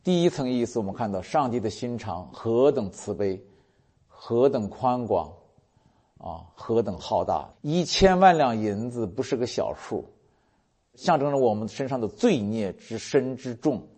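A male pastor preaching a sermon, retelling scripture stories earnestly and warmly. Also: medium pitch, expressive, unhurried, breathy edge. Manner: earnest, warm storytelling preacher quoting scripture.

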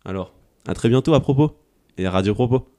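A man reading a scripted radio station promo in a measured, declamatory way. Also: medium pitch, expressive, warm tone.

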